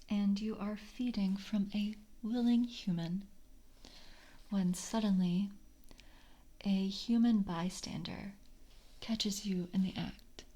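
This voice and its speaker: A woman with a mid-range voice performs a soft-spoken ASMR roleplay as a polite, composed vampire coven member. She talks softly and breathily, often whispering, in the gentle, measured style of an interviewer.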